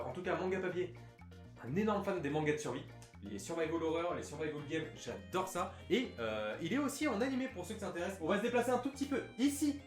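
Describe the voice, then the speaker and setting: A young man giving an enthusiastic, chatty vlog tour of his shelves, with fillers and laughs. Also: a little high. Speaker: YouTuber showing his manga collection.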